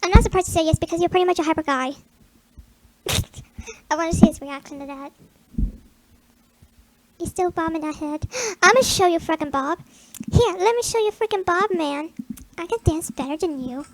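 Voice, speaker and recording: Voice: extremely high pitch, moderate pace, long pauses, poor audio. A young-sounding video creator chatting casually to viewers in a giggly, rambling way with loose slang.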